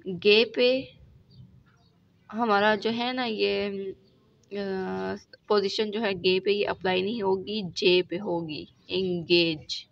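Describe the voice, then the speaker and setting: Slow gravelly woman teaching shorthand. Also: medium pitch. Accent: Pakistani Urdu. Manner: slow, repetitive, checks with "ठीक है" after each step. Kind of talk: recorded lesson explaining examples. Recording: dull lo-fi recording with faint noise.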